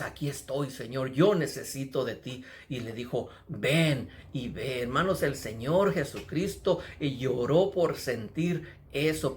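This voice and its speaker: A man's voice: a little high, fairly bright tone. A man preaching a sermon with fervent emphasis, calling his listeners "brothers" again and again.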